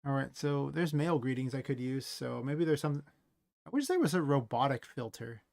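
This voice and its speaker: A man with a gravelly edge talks to himself while he works, rambling and trailing off. He sounds tired from a long night of building a game. The sound is close and dry. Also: mid-range voice, lively intonation, normal speed, a little mellow, dry recording. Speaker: indie game developer streaming his work. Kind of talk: thinking aloud while working.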